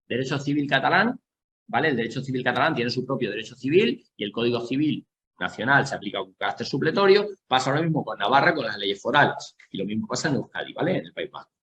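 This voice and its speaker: Explaining material for an exam, a teacher from Castilla-La Mancha in Spain keeps checking in with his class and slows down on the important points. His voice is a little high with a sharp tone.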